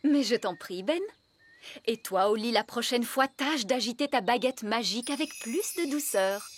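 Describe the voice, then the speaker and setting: A woman's voice: fairly high pitch, lively intonation, moderate pace. A woman playing a strict, proper fairy nanny who scolds and instructs but cares, in a French cartoon dub. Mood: firm, scolding.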